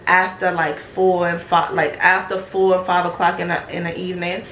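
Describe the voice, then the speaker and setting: A woman's voice: on the low side, normal speed, roomy sound, a little hiss or hum. A young woman telling a casual, profane storytime about her pregnancy to her viewers. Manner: slangy, profane, animated, breaks into laughter. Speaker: vlogger.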